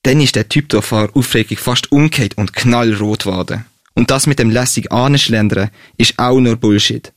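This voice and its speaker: A man's voice: mid-range voice, moderate pace, no echo, studio quality, close to an everyday voice. A young man voicing a cheeky young woman who corrects her boyfriend's story, with a Swiss German accent. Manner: cheeky, bossy.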